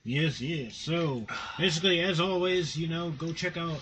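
Slightly high-voiced man hosting casually. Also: normal speed, fairly bright tone, a little hiss or hum. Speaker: podcast host. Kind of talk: casual podcast chat.

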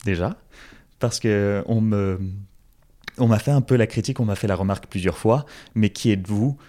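Young french guy being interviewed, lowish mellow voice, lots of ums and restarts. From France. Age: young adult. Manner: halting, many restarts and fillers. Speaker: guest, former campaign organizer. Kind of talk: casual interview.

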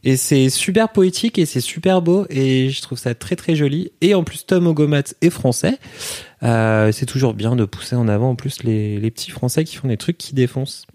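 A man's voice: mid-range voice, moderate pace, warm tone. Guy rambling on a podcast, lots of um and restarts, normal mid voice. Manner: rambling, many fillers and restarts. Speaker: podcast co-host. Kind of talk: casual chat.

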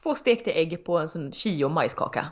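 A frank, emphatic woman chatting casually, her fairly low voice swinging up and down in a lively way. The sound is dull and lo-fi. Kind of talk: casual chat.

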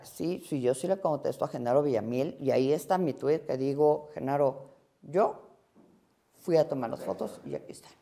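Woman interviewee, warm mellow tone, animated storyteller. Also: mid-range voice. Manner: lively, acts out quoted dialogue.

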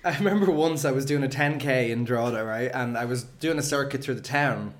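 A quick-fire Irish man in casual podcast conversation. His pitch is average for a man, and he rattles through anecdotes with jokey, informal banter. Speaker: podcast co-host.

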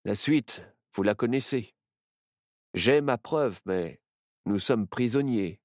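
A man voicing an earnest adult journalist turned into a parrot, explaining briskly in a storybook reading. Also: mid-range voice, animated, darkish tone, no room sound, studio quality.

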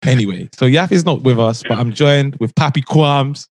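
A man's voice: medium pitch, normal speed, dry recording. A man with an urban London roadman accent, hosting a podcast in casual, bantering street slang. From South London, England. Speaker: podcast host.

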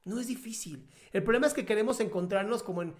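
A woman's voice: mid-range voice, fast talker, a little mellow. A woman giving heartfelt life advice in casual conversation, emphatic and playful, acting out little quotes.

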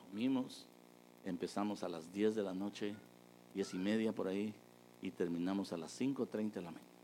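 A man preaching a testimony, telling a story with lively energy and acting out the people he quotes. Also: sits low, normal speed, a little hiss or hum, rough recording. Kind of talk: sermon testimony.

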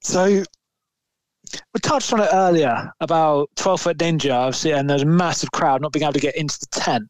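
A man's voice: a little high, moderate pace, dry recording. A man, co-hosting a podcast and telling a long, rambling story in casual chat, swearing now and then. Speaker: podcast co-host.

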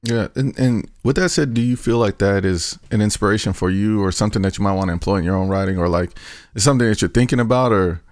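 Brief: male podcast co-host, lowish voice, casual and upbeat, dry close sound. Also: fast, dry recording. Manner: upbeat, leads the segments and breaks. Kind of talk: casual chat. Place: podcast studio.

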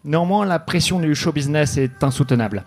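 A man telling a deadpan, mock-noir detective story live on a comedy club stage. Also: on the high side, brisk. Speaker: comedy podcast host.

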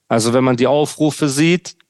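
A young man hosts a casual podcast, ranting with biting sarcasm and plenty of street slang. His voice sits at a middling pitch, and the recording is dry with no room sound. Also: moderate pace, a little mellow, dry recording. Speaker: podcast host.

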